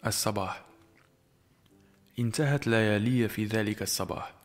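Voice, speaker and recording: A man narrating a novel as an audiobook in a measured, expressive storytelling manner. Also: lowish voice, soft background music.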